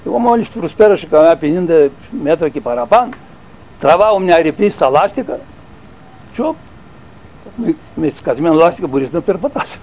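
Older man, fairly high voice, rambling oral-history teller, dull lo-fi tape. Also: animated, darkish tone. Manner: rambling, halting, with restarts and fillers. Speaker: interviewee recalling army service.

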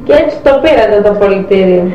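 A woman's voice: medium pitch, expressive, dark tone. A woman interviewer asks brief questions that prompt the speaker's memories. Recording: distant, very echoey, dull, faint background noise.

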